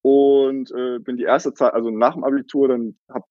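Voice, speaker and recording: A man's voice: medium pitch, flat delivery, normal speed, no echo, phone-quality sound. A young man in his twenties telling the story of his coffee cart business in a casual interview, with many fillers and laughs.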